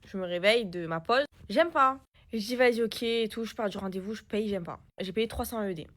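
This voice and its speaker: A young woman telling a casual story-time vlog, animated and indignant, slipping into broken English. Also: mid-range voice, fairly quick.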